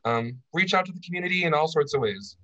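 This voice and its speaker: A man's voice: a little high, animated, fast, sharp tone, dull audio. A man from a library outreach team briefly introducing himself on a video call.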